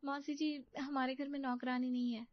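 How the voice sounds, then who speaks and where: A polite, newly married young woman answers gently in a cartoon story, as a woman puts her on. Her voice is high and soft-spoken. The sound is dull and dry. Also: flat delivery, moderate pace, dry recording, lightly acted.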